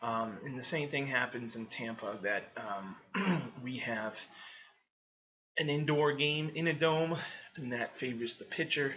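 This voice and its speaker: A man's voice: mid-range voice, unhurried, bright, forceful tone, dull audio. A man with a Boston accent giving a casual weather rundown, talking loosely with many fillers. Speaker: weather analyst. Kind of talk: casual screen-share commentary.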